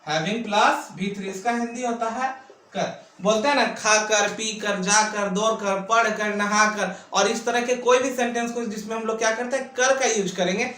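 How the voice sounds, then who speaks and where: A man's voice: high voice, fairly bright tone. A man teaching an English grammar lesson. He keeps asking his own questions and answering them, stretching out his words. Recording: echoey room, mic at a distance.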